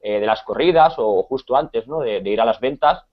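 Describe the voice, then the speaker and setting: A man's voice: mid-range voice, lively intonation, moderate pace. Hesitant Spanish man teaching, lo-fi. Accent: Spain Spanish. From Spain. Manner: hesitant, many repeated words and fillers. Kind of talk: conversational language lesson.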